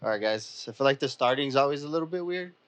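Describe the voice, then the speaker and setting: A man's voice: medium pitch, animated, fast, fairly bright tone, clear, resonant tone, soft background music. A man hosting a casual podcast chat, loose and joking, laughing often. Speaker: podcast host.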